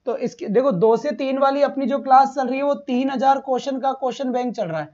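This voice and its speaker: A man's voice: extremely high pitch, brisk, darkish tone. Man teaching, repeating answers to students. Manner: calls students "beta", repeats answers, asks rhetorical questions. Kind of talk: live online exam-prep lesson. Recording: slightly dull lo-fi stream audio.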